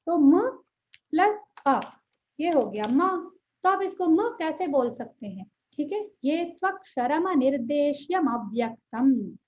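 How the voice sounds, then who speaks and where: A woman teaching a language class online. She talks earnestly, checks in often with her students and draws out sounds slowly to show how they are said. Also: high-pitched, muffled recording. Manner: earnest, checks in often with "ठीक है", drawn-out pronunciation demonstrations. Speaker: Sanskrit teacher.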